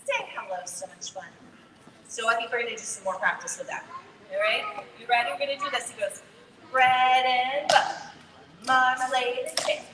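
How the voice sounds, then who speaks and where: A woman leading a children's story time, chanting rhymes and drawing the kids in with a sing-song, animated way of talking. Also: fairly high pitch, fast. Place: large expo venue. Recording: echoey room from far off with noise.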